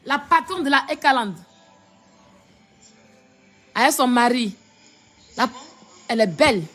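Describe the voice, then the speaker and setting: A woman's voice: high-pitched, expressive, unhurried, sharp tone, soft background music. A woman giving mocking, repetitive live-stream commentary, often laughing as she talks. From Ivory Coast. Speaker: social media commentator.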